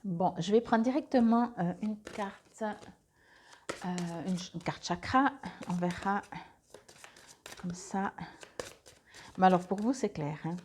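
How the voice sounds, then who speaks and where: A woman's voice: mid-range voice, slow, pauses often, darkish tone, a little hiss or hum. A woman doing a casual monthly card reading on a clip-on mic, hesitant, with many fillers and restarts. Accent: Swiss French. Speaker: tarot card reader.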